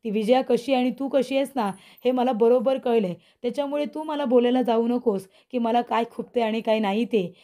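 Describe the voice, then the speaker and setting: A stern elder brother in a serial drama lectures and scolds, read by a woman narrator. The voice stays fairly high and mellow, with no change from her own. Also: normal speed, few pauses, lightly acted. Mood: scolding. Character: angry grown man, stern elder brother.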